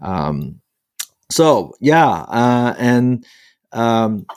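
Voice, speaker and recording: A man in his sixties from Hong Kong, a priest and author, recounts his personal story as an interview guest. His mid-range voice is smooth and very animated, captured in studio quality without echo. Still, he speaks haltingly, with long, frequent hesitations and repeated fillers as he searches for words.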